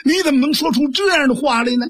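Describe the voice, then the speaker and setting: A man's voice: extremely high pitch, a bit bright, pitched above the performer's own voice. A man voicing a righteous young man who scolds and coaxes his foolish sworn brother firmly. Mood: stern. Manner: scolding, firm, measured.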